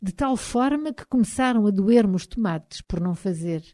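A woman with a European Portuguese accent voicing an angry, proud young Highland husband, speaking emphatically with a raised voice. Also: expressive, normal speed, mellow, lightly acted. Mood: heated.

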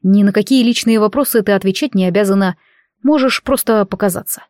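A woman reader voicing a calm, steady adult male werewolf who is protective. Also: medium pitch, brisk, no room sound, studio quality, natural voice.

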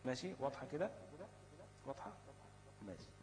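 A man with an Egyptian Arabic accent, speaking in a mid-range, sing-song voice at a fairly quick pace, teaches recitation rules over poor audio. He raises questions for the class, supplies the answers himself, and keeps saying "okay?" to check his students are with him.

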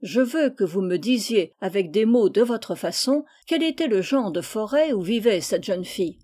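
Old male schoolmaster, lecturing and fussy, a woman puts him on, mellow voice, storybook reading. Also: mid-range voice, expressive, moderate pace, close to an everyday voice. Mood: impatient. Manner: coaxing, then exasperated, lecturing.

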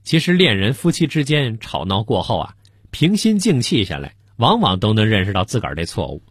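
Male host, husky, lively pitch. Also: a little fast, no echo, studio quality. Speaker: radio host. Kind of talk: radio commentary.

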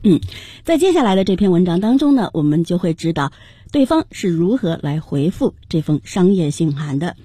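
A woman co-hosts a radio English lesson with a lively, husky delivery. Her voice is mellow and recorded close and dry, and she introduces each new word in turn. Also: on the low side, moderate pace, no echo.

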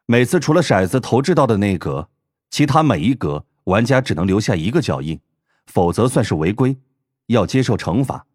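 Male audiobook narrator, very animated pitch, husky voice, faint background music. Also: a little fast, dry recording, clean studio sound. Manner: expressive, wide-ranging storytelling. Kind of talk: scripted narration.

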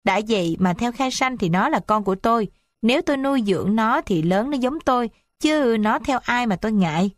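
A woman's voice: on the high side, lively intonation, fairly quick, dry recording, clean studio sound, lightly acted. A woman voicing a humble, principled poor young man in a read-aloud story, speaking earnestly and formally. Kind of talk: audiobook character reading.

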